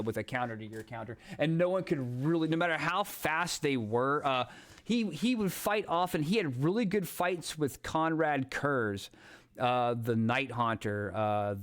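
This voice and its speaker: A man talks over his gameplay stream, excitable and profane. He rambles, restarts his sentences, and gets carried away by game lore. His voice sits at an ordinary middle pitch. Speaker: gaming streamer. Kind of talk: casual gameplay commentary.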